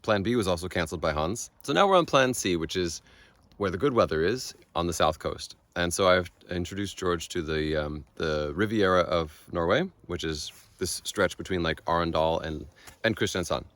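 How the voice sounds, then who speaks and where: An American man speaking as a guest on an outdoor bike trip video, talking in a thoughtful, wry, soft-spoken way. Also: deep voice, moderate pace, no room sound. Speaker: guest and local guide on the ride. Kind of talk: casual outdoor chat. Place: outdoors by a lake.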